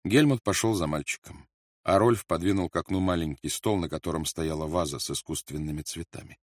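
Grave male narrator, low register, dry close recording. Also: fairly quick, a little mellow, no room sound. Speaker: audiobook narrator. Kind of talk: dramatic audiobook narration.

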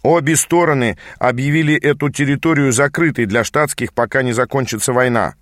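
A man's voice: medium pitch, brisk, a bit bright, no echo, studio quality, lightly acted. A man voicing a lazy, insolent young man, an officer's son, drawling in an audiobook reading.

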